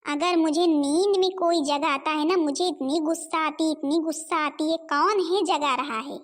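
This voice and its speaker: A woman's voice: high voice, steady tone, close to an everyday voice. A woman voicing a spoiled, lazy, hot-tempered young wife in a homemade cartoon. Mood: irritated. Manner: defiant, quick to anger.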